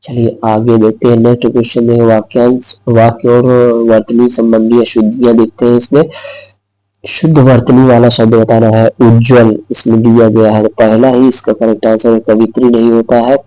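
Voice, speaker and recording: A man's voice: mid-range voice, little pitch movement, moderate pace, dark tone, dry recording, low-quality recording. A man teaching an exam-prep lesson who repeats each word and answer aloud and explains step by step.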